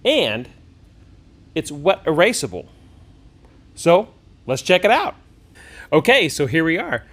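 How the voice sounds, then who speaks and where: A man with a slightly high voice hosts a casual, hands-on review of a tabletop gaming product, talking conversationally and thinking out loud as he goes.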